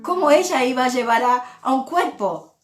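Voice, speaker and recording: A woman pastor from Argentina, preaching a sermon in a slow, reflective way and often repeating words as she thinks. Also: high voice, lively intonation, roomy sound, soft background music.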